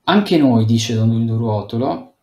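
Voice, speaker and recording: A man's voice: medium pitch, expressive, a little slow, darkish tone. A man teaching a youth group over a video call, retelling a scripture story with read passages, loose commentary and fillers. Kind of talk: Bible talk given over a video conference. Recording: echoey room.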